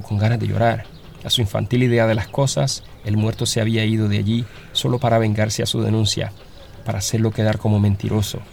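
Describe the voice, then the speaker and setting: A man reading a story aloud as narrator, in a steady, dramatic storytelling manner. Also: on the low side, creaky, slight background noise.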